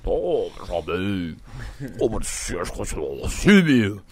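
A man with a Brazilian accent voicing a slow, pompous older male club president who drawls placatingly. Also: low-pitched, big pitch swings, a little mellow, pitched below the performer's own voice. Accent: Brazilian Portuguese.

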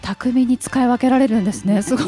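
A woman co-hosting a radio chat, asking quick, interested questions. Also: on the high side, music in the background.

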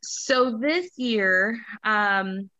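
A woman's voice: mid-range voice, lively intonation, very slow, bright, forceful tone, highs cut off. A young woman, a podcast guest, talking casually with many fillers. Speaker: spouses club president, guest.

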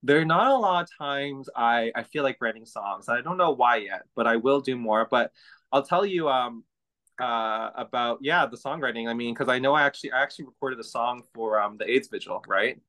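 A man talking as an interview guest, earnest and halting, with a slightly hoarse voice today. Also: medium pitch, bright, forceful tone, poor audio. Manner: earnest, halting, many restarts and fillers. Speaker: guest, activist and songwriter. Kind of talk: casual interview chat.

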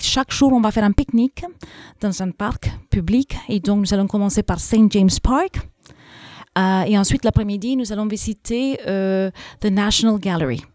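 A woman with an American accent, an English teacher answering radio interview questions, often pausing on filler sounds. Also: mid-range voice, warm tone, no echo, studio quality. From Texas, USA. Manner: hesitant, many filler pauses. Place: school.

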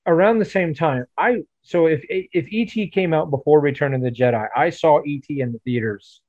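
A man's voice: on the high side, normal speed, dry recording, narrow, tinny audio. A man in his forties from the Memphis area, reminiscing in casual podcast chat with many fillers. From Memphis area, USA. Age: 40s.

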